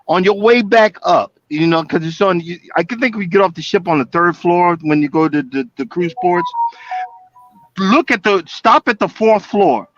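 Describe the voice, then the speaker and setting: Stammering high-voiced man, dry phone sound. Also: fairly bright tone, no echo, dull audio. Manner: stammering, repeats words while telling a story. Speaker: guest on live stream. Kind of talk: casual chat.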